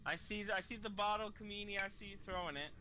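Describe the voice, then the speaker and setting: A man's voice: high voice, fast talker. A man chatting casually while gaming, easily startled and swearing when scared. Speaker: streamer. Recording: loud background noise.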